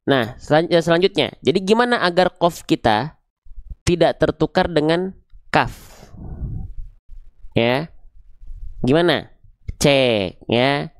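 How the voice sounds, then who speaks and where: A man's voice: on the high side, smooth, no room sound. A man teaching Quran recitation pronunciation in a live online lesson, firm and direct, often repeating points and checking that students follow.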